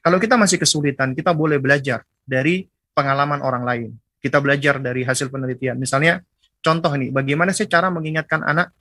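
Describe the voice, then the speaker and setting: A man giving a religious lecture on parenting as an Islamic teacher, speaking in measured phrases that he often closes with a questioning tag. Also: a little high, pushed and bright, no room sound. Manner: measured, tags phrases with frequent "ya".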